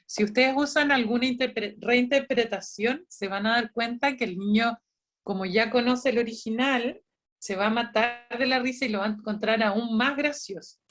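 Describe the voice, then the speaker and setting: A librarian's fairly high voice moves at normal speed as she conducts online training for volunteer storytellers. Her chatty explanations keep restarting and are sprinkled with quoted dialogue.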